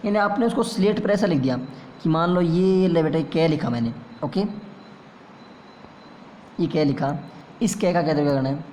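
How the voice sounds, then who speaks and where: A man's voice: on the high side, moderate pace, long pauses, darkish tone, slight background noise. A man teaching a classroom lesson, asking questions and answering them himself, heard in an echoey room a long reverb. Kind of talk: classroom lecture.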